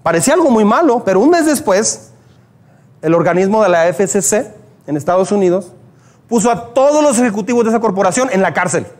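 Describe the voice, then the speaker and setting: A man's voice: sits high, expressive, a little fast, a little mellow. A male pastor, preaching a sermon and telling stories, acting out the prayers he quotes.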